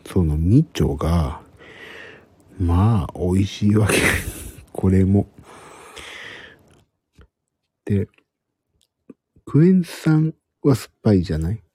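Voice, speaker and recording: Very dark, hushed, husky man's voice. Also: deep voice, no room sound. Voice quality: hushed, husky half-whisper. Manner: rambling, hesitant, searching for words. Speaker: live stream host. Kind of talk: hushed, casual chat to live stream viewers. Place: at home in a room beside a sleeping child.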